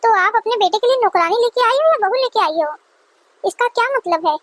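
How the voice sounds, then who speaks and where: Woman voicing a cartoon young wife, indignant and complaining, very high voice, dry close sound. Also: expressive, a little fast, no room sound. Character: young newlywed wife, defiant and aggrieved.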